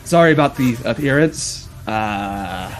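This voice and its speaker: A man voicing a laid-back, apologetic undead corpse musician in a tabletop game, speaking in halting, hesitant phrases. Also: medium pitch, animated, voice pushed down, natural voice. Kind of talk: in-character tabletop role-play. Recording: clear background room noise.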